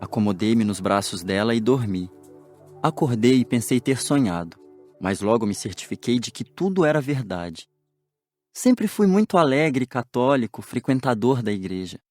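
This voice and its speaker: A man voicing a cheerful dead man who tells the story of his own death with lively, joking asides in an audiobook drama. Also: mid-range voice, moderate pace, soft background music, close to an everyday voice.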